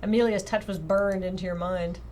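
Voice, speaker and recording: This streamer reads a visual novel out loud in a mid-range voice at a fairly quick pace. She keeps things expressive and casual, often interrupting herself with playful asides.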